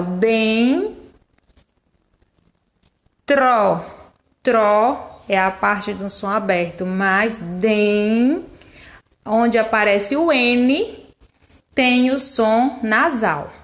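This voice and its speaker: A woman teacher with a fairly high voice walks young children through their workbook at an unhurried pace. She draws out syllables slowly to model each sound and softens her words with affectionate diminutives. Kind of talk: slow, patient workbook explanation for young children.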